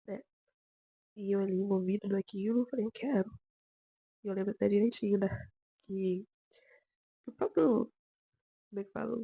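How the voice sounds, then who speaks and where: Husky Brazilian woman sharing testimony. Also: mid-range voice, dry recording. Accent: Brazilian Portuguese. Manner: emotional storytelling, voice rising and getting loud when moved. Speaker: churchgoer giving testimony. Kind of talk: personal faith testimony.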